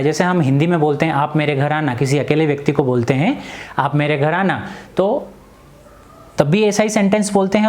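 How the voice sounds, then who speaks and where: Teacher, Hindi-medium English grammar lesson, asks and answers own questions, repetition drills, middle pitch. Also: a little mellow.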